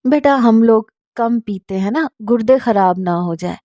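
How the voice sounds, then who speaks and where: A woman voicing a fussing middle-aged mother who dotes on a visiting nephew and covers up with quick excuses, in a spoken story. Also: a little high, warm tone, no room sound, clean studio sound, lightly acted. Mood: flustered.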